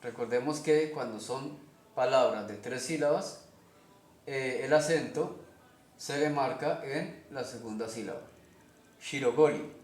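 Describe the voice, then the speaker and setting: A man with a Colombian Spanish accent teaching a language lesson, explaining slowly step by step and often checking in with his listeners. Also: medium pitch. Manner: slow, methodical, checks in with "¿ok?". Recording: echoey room.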